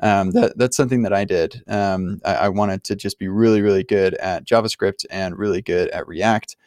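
Friendly low-voiced podcast host. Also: male voice, normal speed, darkish tone, no room sound, studio quality. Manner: friendly, reflective, thinking aloud with fillers. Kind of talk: answering a caller's question.

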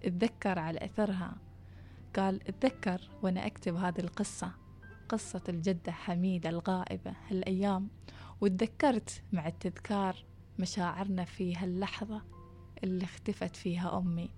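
A woman narrating a true story in a soft, hushed voice, sometimes dropping to a whisper. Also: lowish voice, steady tone, a little fast, faint music behind.

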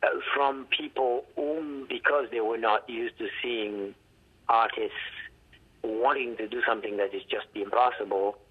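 Speaking over a thin, tinny phone connection, the Haitian-accented man, an artist and art professor, reflects on his life in art during a storytelling interview. He stops and starts his sentences and performs the quoted dialogue, his ordinary-pitched voice holding a steady tone with a breathy edge.

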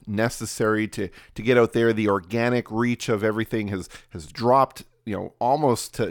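Recorded in studio quality with no room sound, this medium-pitched male podcast host is nasal from a cold. He coaches casually on his solo show, stumbling through plenty of fillers and restarts.

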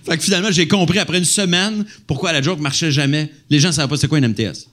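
A man's voice: on the high side, fast, fairly bright tone. Québécois man telling stage stories. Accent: Québécois French. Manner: storytelling, swears casually. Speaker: comedian guest. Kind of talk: casual chat.

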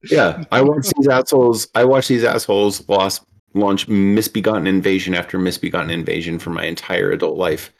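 Guy with a lowish voice, swears a ton, acts out what people say, casual chat. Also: fairly quick. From United States. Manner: profane, animated, acts out quotes. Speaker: guest. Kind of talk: casual political discussion.

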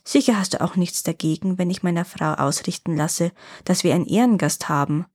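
A woman's voice: on the low side, brisk, close to an everyday voice. A woman doing a sly old grandfather. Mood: flattering. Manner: wheedling and flattering, then mock-offended. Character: sly poor old grandfather, feigning offense.

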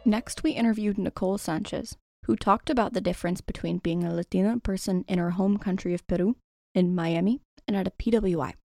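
A woman's voice: mid-range voice, vocal fry, dark tone, no echo. Woman, podcast host, scripted narration, dry close recording. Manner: reads segment introductions.

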